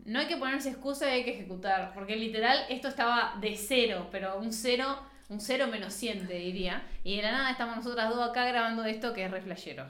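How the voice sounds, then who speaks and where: A woman's voice: a little high, fairly bright tone. Chatty Rioplatense woman, echoey room. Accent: Rioplatense Spanish. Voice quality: slightly nasal. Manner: chatty, slangy, self-mocking. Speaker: podcast co-host. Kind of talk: casual podcast chat.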